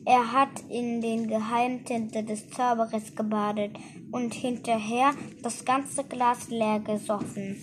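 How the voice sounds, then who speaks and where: A woman reading a children's book aloud, slow and clear, correcting her own misreads. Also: on the high side, flat delivery, a crowd in the background, rough recording. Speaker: storybook reader for children.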